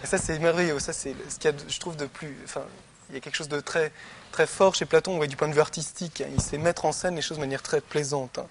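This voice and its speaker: A man's voice: a little high, steady tone, quick pace, a little hiss or hum. A man giving a philosophy lecture in an easygoing, conversational way, often checking in with his listeners as he explains. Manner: conversational, peppered with "hein" and "vous voyez". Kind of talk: classroom lecture.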